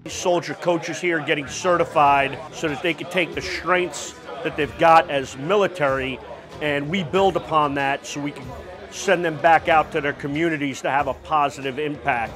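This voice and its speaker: A man explains the program in a matter-of-fact way, in a slightly higher voice. Loud music plays over him. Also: steady tone, moderate pace. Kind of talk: documentary interview.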